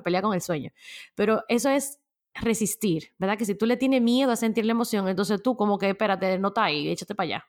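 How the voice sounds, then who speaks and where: A woman hosting a casual solo podcast, chatty and animated, laughing often as she talks. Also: mid-range voice. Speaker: podcast host.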